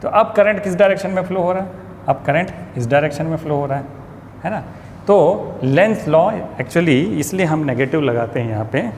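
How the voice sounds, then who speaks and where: A male physics teacher giving a lecture, explaining step by step and asking and answering his own questions, slowing down to read statements aloud with care. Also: a little high, darkish tone. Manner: switches to slow, careful reading of English statements. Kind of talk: classroom lecture. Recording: long reverb, faint ambient noise.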